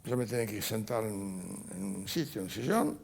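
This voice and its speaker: An older man telling his life story as a guest in a TV studio interview, speaking in halting recollection with restarts and fillers. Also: on the low side, lively intonation, a little hiss or hum. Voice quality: gravelly, husky voice. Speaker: interview guest, Holocaust survivor. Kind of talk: personal testimony in a TV interview.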